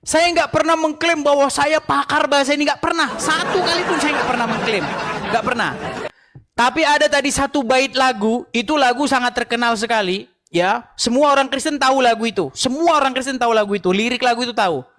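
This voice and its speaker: High-voiced teasing man debater. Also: fairly quick, a crowd in the background, background noise. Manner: teasing, laughing at his opponent. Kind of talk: live online debate.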